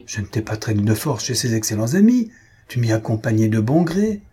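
A man voicing an excitable, bossy old spinster aunt who scolds in shrill outbursts, in a storybook reading. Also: brisk, breathy edge. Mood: indignant.

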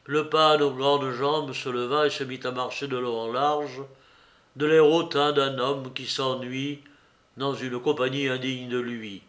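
Slow, measured male audiobook narrator. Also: medium pitch, steady tone, fairly bright tone.

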